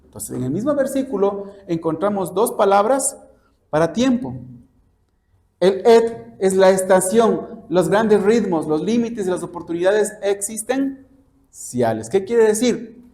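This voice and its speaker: His voice is high, dark-toned, and expressive, and his pace is a little slow. A Spanish-speaking church preacher and Bible teacher, he treats his expository sermon like a lesson, instructing and frequently posing questions to make sure listeners follow.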